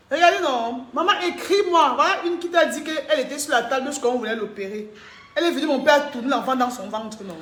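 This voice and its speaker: A woman's voice: on the high side, echoey room, slight background noise. A woman, chatting casually on a live stream, reading comments and answering viewers, laughing often.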